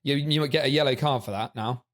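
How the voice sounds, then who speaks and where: A man co-hosting a podcast, talking in a relaxed, hesitant way with laid-back humour. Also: mid-range voice, quick pace. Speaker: podcast co-host. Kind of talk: casual podcast chat.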